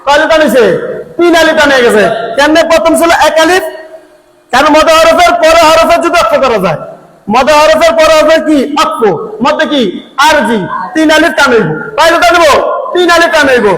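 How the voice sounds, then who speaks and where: A man teaching Quran recitation, drilling syllables and asking the class to repeat after him. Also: very high voice. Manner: stretches the chanted Arabic words slowly. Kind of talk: classroom-style recitation lesson. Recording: noisy room with ambient background.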